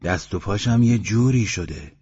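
A man's voice: lowish voice, a little mellow, slightly rough, dry recording. A man voicing an uneasy, pitying male villager, on a dull lo-fi audiobook recording. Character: anxious male villager feeding the beast.

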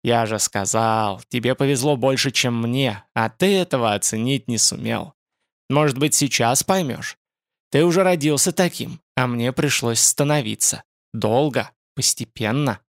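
A man reading an audiobook, voicing a creaky, sinister old male spider-man mage in a slow, gloating manner. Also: mid-range voice, dry recording, studio quality, natural voice. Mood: menacing. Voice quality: creaky, clicking voice.

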